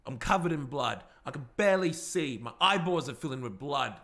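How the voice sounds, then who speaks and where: A man telling a wild story in character, excitable and swearing a lot, often bursting into shouts. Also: medium pitch, fairly quick.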